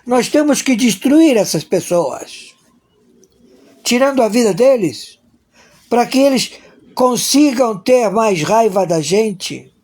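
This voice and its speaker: A man's voice: very high voice, lively intonation, takes it slowly, pauses often, darkish tone. A man giving a crude, profane political rant in an emphatic, repetitive way, acting out imagined dialogues.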